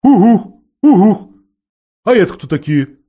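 A man voicing a fussy, excitable female owl that hoots and exclaims. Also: muffled recording. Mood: excited. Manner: high hooting exclamations, drawn-out words.

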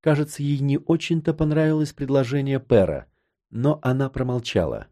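A man narrating an audiobook in the first person, in a measured storytelling way. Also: mid-range voice, animated, mellow.

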